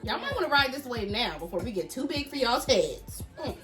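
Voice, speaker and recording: Lively giggly woman co-host. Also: a little high, fairly quick, soft background music. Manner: giggly, blunt and profane. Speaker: podcast co-host. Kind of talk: casual chat.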